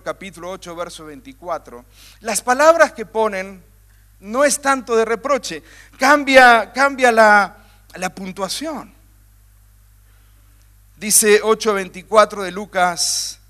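A man's voice: high-pitched, pushed and bright. A man preaching a sermon with emphatic, building repetition, talking directly to his listeners.

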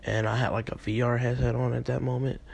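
Gravelly, husky young man rambling. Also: medium pitch, level tone, quick pace, darkish tone. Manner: rambling, profane, many fillers. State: a little sick. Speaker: podcast host. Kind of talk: casual dream recounting monologue.

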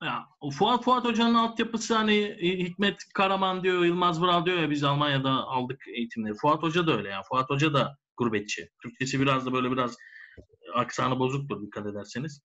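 A man's voice: a little high, fast talker, bright, forceful tone, highs cut off. A man in a casual sports discussion, explaining his points as a commentator and repeating phrases for emphasis. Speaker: football commentator.

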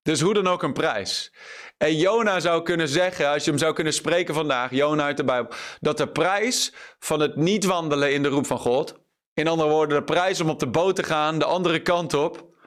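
A man's voice: fairly high pitch, moderate pace, a bit bright. A man preaching an online sermon as pastor, earnest and full of fillers and repeated words.

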